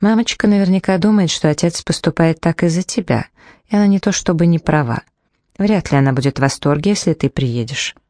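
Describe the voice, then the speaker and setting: A woman voicing a guarded, controlling adult sister in an audiobook, speaking calmly with a quiet, cutting condescension. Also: lowish voice, brisk, dry recording, studio quality, lightly acted. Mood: cold. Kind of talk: audiobook character reading.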